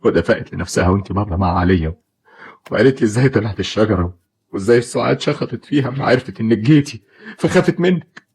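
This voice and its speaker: A man's voice: fairly low pitch, lively intonation, rapid-fire, darkish tone, husky. An actor playing a bitter, fearful father who accuses his wife, with an Egyptian Arabic accent, in an old film drama.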